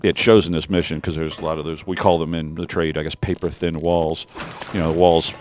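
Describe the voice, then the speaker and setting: Man, very low voice, developer commentary on his own game mission, rambling with lots of uhs. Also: flat delivery, a little fast, a little mellow, slight background noise. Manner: rambling, many fillers and restarts. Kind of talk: let's play developer commentary.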